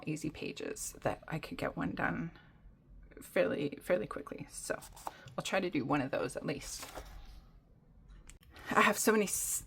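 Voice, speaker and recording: A woman's voice: mid-range voice, vocal fry, a bit bright. Chatty woman showing her coloring books. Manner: chatty, rambling, many fillers and restarts. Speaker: coloring hobby vlogger. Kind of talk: casual show-and-tell chat.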